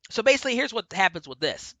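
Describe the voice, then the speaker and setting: A man's voice: high voice, big pitch swings, fast, pushed and bright, no echo. A man giving a casual spoken review, retelling events in a rambling way with many fillers and self-corrections. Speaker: book and TV reviewer.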